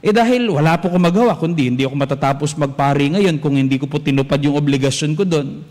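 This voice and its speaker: A young adult male priest giving an animated homily, telling a story and switching between languages as he acts out what people said. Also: a little high, fast. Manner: animated, mixes languages, acts out quoted voices. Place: large church. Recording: echoey church with long reverb.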